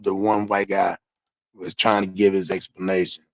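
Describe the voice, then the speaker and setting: A man's voice: low-pitched, little pitch movement, normal speed, no echo, low-quality recording. Podcast host man, dry close sound.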